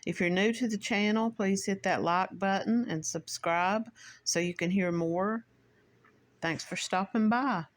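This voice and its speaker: A woman's voice: medium pitch, a little slow. A woman hosting a true crime podcast, telling the story in a casual, conversational way with restarts and filler words.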